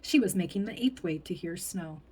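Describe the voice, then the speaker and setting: A woman reading a picture book aloud in an expressive way, whispering and playing up the sound words. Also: lowish voice, moderate pace, slightly rough. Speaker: storybook reader.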